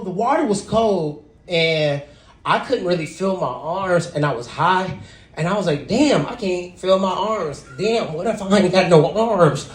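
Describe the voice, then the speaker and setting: A young man telling a stand-up story with a fairly high voice that leaps up when he acts out other people. His voice carries a roomy echo. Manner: animated, acts out quotes with big pitch jumps. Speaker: stand-up comedian.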